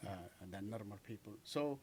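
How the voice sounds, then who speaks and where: A man's voice: on the low side, moderate pace, a little mellow, a little hiss or hum. A man from Nepal with a Nepali accent, answering interview questions in a radio studio, hesitant and full of "uh" and "um". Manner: hesitant, many "uh" and "um", simple phrasing. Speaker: guest, mountaineer.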